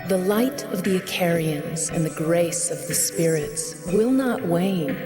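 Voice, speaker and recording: A young woman reading a game's intro narration aloud in a grave, measured way. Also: lowish voice. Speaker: player reading game text aloud. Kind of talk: solemn narration of a game intro. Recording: game music playing behind.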